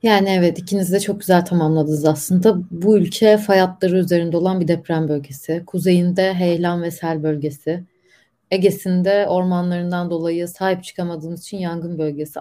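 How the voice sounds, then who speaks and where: A woman speaks in a relaxed, mellow tone that sits a little low. She hosts a live discussion conversationally. Her way of addressing guests is polite and appreciative. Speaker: host of online live discussion show. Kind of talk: conversational hosting.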